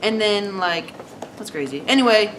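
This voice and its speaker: A woman's voice: mid-range voice, expressive, normal speed. A woman telling a comic fairy tale off the cuff, with playful self-corrections and wry asides. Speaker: storyteller. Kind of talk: improvised comic storytelling.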